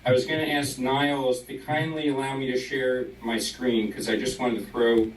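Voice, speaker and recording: A man's voice: medium pitch, fairly even intonation, normal speed. A man speaks at a council meeting, eager and a bit apologetic as he explains data on his shared screen. His voice sounds distant from the mic, with noticeable room echo. Faint noise runs underneath. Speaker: council member.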